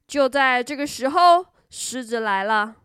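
A woman storyteller reading a children's story in a gentle, expressive way. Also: high-pitched, a little slow, clear, resonant tone, no echo, studio quality.

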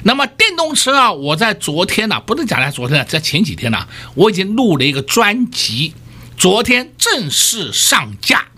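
A man's voice: sits high, wildly swooping pitch, normal speed, pushed and bright, husky. A man hosting a radio stock market show, talking emphatically and firing rhetorical questions at listeners. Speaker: stock market analyst host.

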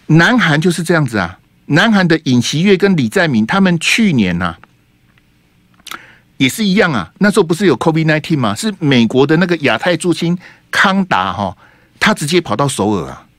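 A middle-aged man hosts a radio talk show from the studio, delivering animated, rhetorical political commentary and tagging his sentences with plenty of 哈 and 啊. His voice is fairly high and moderately paced, and the recording is dry.

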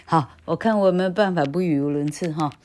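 A woman's voice: fairly low pitch, normal speed, darkish tone. A middle-aged woman teaching English grammar on her podcast in a casual, rambling way, tagging her sentences with "ha". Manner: rambling, chatty, tags sentences with "ha".

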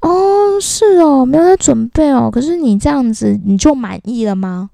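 A nosy older uncle pokes with high, drawn-out questions as a woman mimics him in a podcast rant. The voice keeps a gravelly grain in a dry, close recording. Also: animated, warm tone, no echo. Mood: prying. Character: nosy older male coworker, prying and casual.

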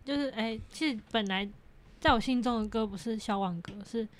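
A young woman chats casually as a podcast guest. She sounds giggly and teasing, and her voice sits on the higher side. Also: a little fast. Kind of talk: casual chat.

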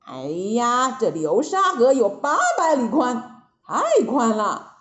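Woman playing cocky monkey king for a storybook, high and brisk, echoey lo-fi sound. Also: big pitch swings. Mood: fretting. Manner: brisk, exclaiming. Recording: echoey, dull lo-fi recording.

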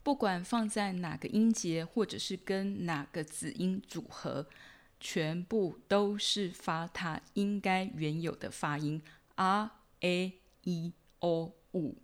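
Patient woman teaching pronunciation, lowish voice. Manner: patient, repeats each sound slowly for learners. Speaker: Spanish teacher and podcast host. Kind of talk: podcast language lesson.

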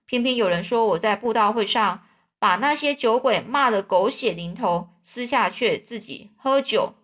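A brash old conman-preacher who brags and scolds, played by a woman reading a storybook aloud. The voice sits a little high and runs at an even pace. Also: moderate pace. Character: boastful old male swindler preacher.

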